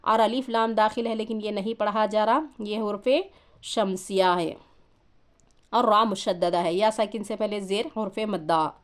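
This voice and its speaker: A woman teaching Quran reading, spelling out letters and vowel marks one by one, then chanting the joined words slowly, with patient explanations in between. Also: medium pitch, steady tone. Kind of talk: slow syllable-by-syllable recitation lesson.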